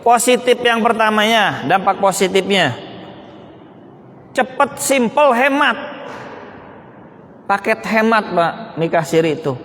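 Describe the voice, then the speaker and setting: Guy giving a joking talk to a crowd, high voice, lots of rhetorical questions, big echoey hall. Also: expressive, unhurried, pauses often, a bit bright, a little hiss or hum. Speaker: speaker addressing an audience. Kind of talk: humorous public talk. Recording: long hall reverb.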